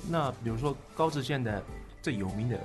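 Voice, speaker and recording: A man, a native Japanese speaker, hosts a casual interview in halting, simple Japanese-accented Mandarin. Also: medium pitch, animated, over music. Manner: halting, simple phrasing with frequent short echoes of the guest. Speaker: podcast host.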